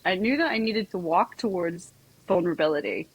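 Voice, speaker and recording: A woman's voice: on the low side, lively intonation, a little fast, breathy edge, no echo, rough recording. A woman psychotherapist and equine coach, talking as a podcast guest in a chatty storytelling way, full of "like" and "you know". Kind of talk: casual podcast conversation.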